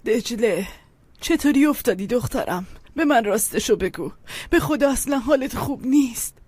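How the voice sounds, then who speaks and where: An actress voicing a gentle, concerned elderly mother who asks soft, probing questions in a dubbed TV drama. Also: on the high side, lively intonation, husky, no room sound.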